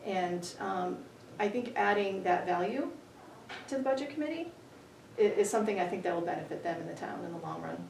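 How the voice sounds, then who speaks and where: A woman's voice: medium pitch, animated, creaky, a little mellow. Earnest woman from New Hampshire, roomy. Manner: earnest, measured, with many ums. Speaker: town budget committee candidate. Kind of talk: local candidate interview. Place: town library room. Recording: echoey room, far from mic, faint hum.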